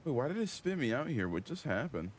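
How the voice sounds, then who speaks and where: Profane, excitable man streaming a game. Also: mid-range voice, fast talker, slight background noise. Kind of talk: casual gaming commentary.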